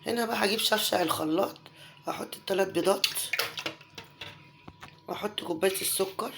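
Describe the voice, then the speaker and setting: Egyptian woman, hoarse from a cold, home cooking host, affectionate, rapid delivery. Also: mid-range voice, background noise. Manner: affectionate, showers viewers with blessings. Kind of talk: casual cooking tutorial.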